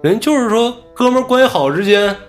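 A man casually telling a story from his own life on a podcast, animated and acting out what others said. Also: very high-pitched, brisk, faint music behind. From Inner Mongolia.

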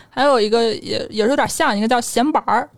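A woman's voice: a little high, moderate pace, no echo. A talkative woman from northeast China hosting a casual, colloquial podcast chat. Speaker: podcast host.

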